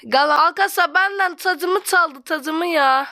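A female gamer narrates her play in a high, bright voice, chatty and quick to flare up into loud frustrated yelling. She talks straight at her viewers the whole time. The sound is close and dry, with no room around it. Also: no echo. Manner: excitable, keeps addressing viewers as friends. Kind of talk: let's-play commentary.

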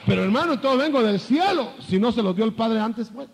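An older man preaching a sermon, lively, acting out biblical dialogue in changing voices. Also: very high voice, brisk, creaky, long reverb tail, noisy background.

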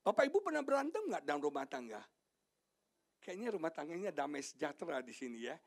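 Middle-aged male pastor, high pitch with wide swings, shouts then drops to a whisper, banters with the crowd. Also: brisk, vocal fry. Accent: Indonesian. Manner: animated preaching, swings from shouts to hushed asides; jokes with the congregation, asks them questions. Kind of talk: sermon. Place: church sanctuary.

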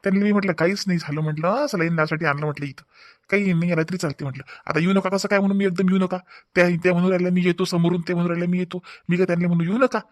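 A man plays a talkative young village husband in a cartoon family drama. He rattles on quickly. His voice is pitched high for a man. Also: fairly even intonation, natural voice. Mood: explaining. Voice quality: chatty, reproachful, explaining at length. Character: fussing young husband and brother-in-law, talkative. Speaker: cartoon voice actor.

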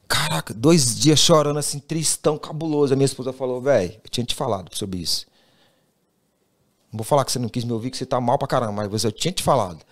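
Guy on a podcast, rattles off his story quick, keeps acting out what everyone said. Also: mid-range voice. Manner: animated, acts out quoted dialogue, says "velho" constantly. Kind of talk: casual storytelling.

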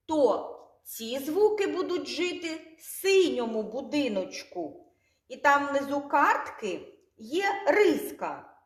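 A woman kindergarten teacher with a Ukrainian accent, speaking slowly and clearly, drawing out sounds and repeating words for the children to echo. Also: high voice. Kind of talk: slow, clearly articulated lesson for small children.

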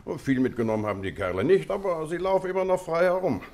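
An actor playing an affable old-school army colonel in a German radio play, hearty and chatty. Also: male voice, fairly high pitch, lively intonation, quick pace, darkish tone, lightly acted. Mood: chatty, recounting. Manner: hearty, chatty, clipped tag questions.

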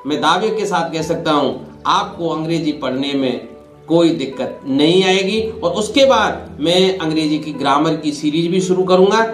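Slow, patient Hindi-speaking teacher, high-pitched man. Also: echoey room. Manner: slow, patient explaining with frequent "dekhiye" and "bhai". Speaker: English teacher. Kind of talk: Hindi-medium English pronunciation lesson.

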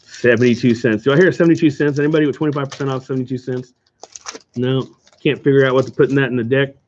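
A man's voice: medium pitch, flat delivery, very fast, a little mellow, a little hiss or hum. Jokey man hawking cards on a stream. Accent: Oklahoma. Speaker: game store host. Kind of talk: live stream card sale chat. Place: game store. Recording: dull lo-fi stream audio.

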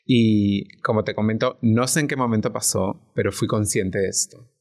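Un hombre invitado a un pódcast que habla de forma sincera y reflexiva, y que busca a menudo la confirmación de su interlocutora. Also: male voice, on the low side, steady tone, moderate pace, darkish tone. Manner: earnest, reflective, often checks in with "¿no?". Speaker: podcast guest. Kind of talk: casual podcast conversation.

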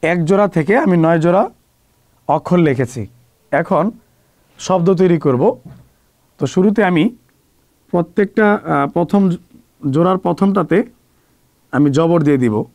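A man's voice: a little high, unhurried, long pauses, a little mellow. A man from Bangladesh with a Bangladeshi Bengali accent teaches Quran pronunciation step by step, repeating each sound many times as a drill. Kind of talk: slow step-by-step pronunciation lesson.

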